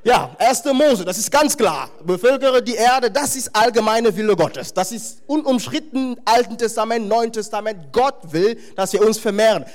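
A man preaching a sermon to a congregation, emphatic and animated, with wry humorous asides. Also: high-pitched, normal speed, few pauses.

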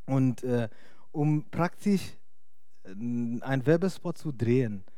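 This young non-native German speaker delivers a relaxed sermon slowly, in an animated yet mellow medium-pitched voice. He hesitates, leans on many fillers and laughs a lot, and the studio recording has no echo.

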